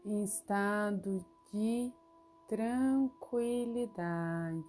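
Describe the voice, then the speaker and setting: Female relaxation guide: soothing, dark-toned delivery at an extremely slow pace, spacious pauses between instructions. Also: mid-range voice, soft background music. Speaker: meditation guide.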